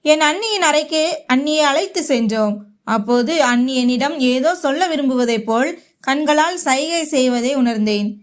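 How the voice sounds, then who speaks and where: A woman narrating a first-person short story in a slow, even storytelling manner. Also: high-pitched.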